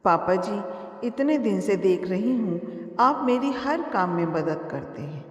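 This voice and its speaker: A woman's voice: mid-range voice, animated, measured pace, highs cut off, close to an everyday voice. Woman voicing a hesitant young daughter-in-law. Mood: anxious. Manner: hesitant, anxious. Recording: echoey room, far from mic.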